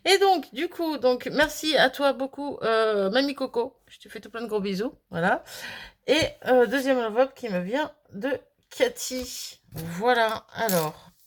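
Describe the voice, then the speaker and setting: A chatty woman from France who vlogs about crafting, casually showing swapped cards and laughing at her own slips. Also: on the high side. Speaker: crafting vlogger.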